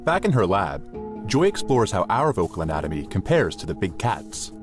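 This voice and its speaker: A man's voice: low voice, very animated, moderate pace, over music. A man reading scripted nature documentary narration.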